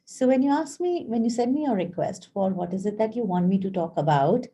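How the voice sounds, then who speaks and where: A woman life coach speaks casually on a live stream in a warm, mellow voice. She tells stories chattily and acts out the voices in her anecdotes. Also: mid-range voice, lively intonation, brisk. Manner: chatty storyteller, acts out quoted dialogue; frequent fillers and restarts, friendly address to viewers.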